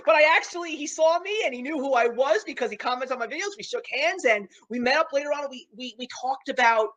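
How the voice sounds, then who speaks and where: A woman hosting a live-streamed video chat, telling stories in a chatty, animated way and laughing often. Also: sits high, fast, rough recording. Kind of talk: casual chat.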